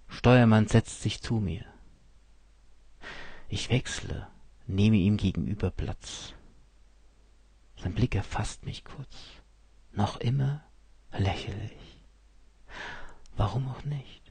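A man narrating a story in the first person, calm, cold and measured. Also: lowish voice, gravelly, slightly rough, no echo.

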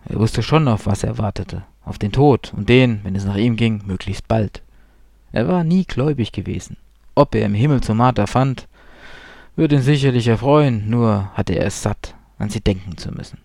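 A man reading a story aloud in a calm, measured audiobook style. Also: on the low side, gravelly, no room sound, studio quality. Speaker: narrator.

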